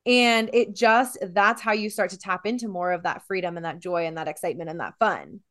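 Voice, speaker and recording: A woman's voice: on the low side, fairly quick, a bit bright, no echo, studio quality. A woman co-hosting a podcast in casual chat, earnest, building vivid metaphors and using "like" as a filler. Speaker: podcast co-host.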